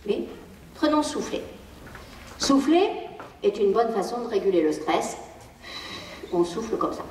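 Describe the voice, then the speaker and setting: A woman with a French accent giving a live conference talk to an audience, lively and playful, acting out the lines she quotes. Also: on the high side, unhurried, slight background noise. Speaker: speaker giving a public lecture on child emotions. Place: lecture hall with audience. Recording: echoey hall, distant mic.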